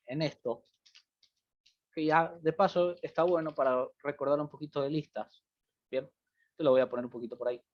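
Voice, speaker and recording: Brief: male programming teacher, slightly high voice, talks through live coding on a muffled computer mic. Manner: thinks aloud while typing, many fillers like "fíjense" and "bien". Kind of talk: live-coding class explanation. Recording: dull lo-fi audio.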